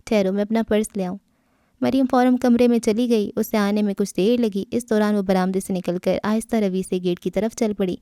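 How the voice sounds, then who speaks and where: Female audiobook narrator, measured and mellow, dry recording. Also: mid-range voice, fairly even intonation, clear, resonant tone, no room sound. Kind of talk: scripted novel narration.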